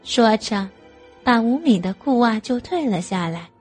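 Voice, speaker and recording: A woman narrating an audio novel in a slow, even storytelling manner. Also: on the high side, slightly rough, faint music behind.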